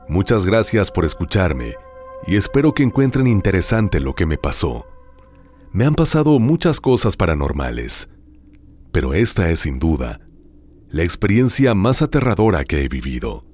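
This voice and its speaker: A man hosting a show, reading listener horror stories aloud in a dramatic, hushed storytelling manner with drawn-out pauses. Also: low voice, sing-song, faint music behind. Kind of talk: scripted horror narration.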